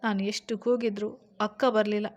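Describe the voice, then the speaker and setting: A woman's voice: mid-range voice, little pitch movement, moderate pace, lightly acted. A woman voicing a sick young wife who talks in a childlike, pleading way. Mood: tearful.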